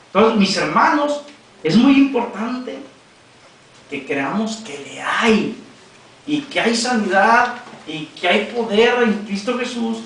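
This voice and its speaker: A man's voice: sits high, lively intonation, slow pace, a bit bright, far from the mic. A man preaching a sermon in a church, talking directly and conversationally to the congregation. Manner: conversational, addressing listeners directly. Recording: echoey church room from afar.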